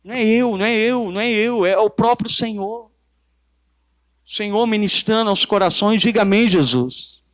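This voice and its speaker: This pastor, a man with a Brazilian Portuguese accent, preaches at normal speed in a high voice. His sermon is forceful and repetitive, and his congregation calls back in response.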